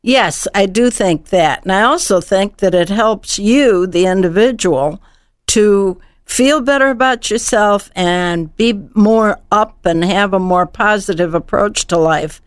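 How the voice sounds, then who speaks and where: An older woman speaks as a radio guest, giving conversational interview answers. Her voice is smooth and clear at a middling pitch, recorded close and dry. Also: measured pace, no room sound. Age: older, over 55.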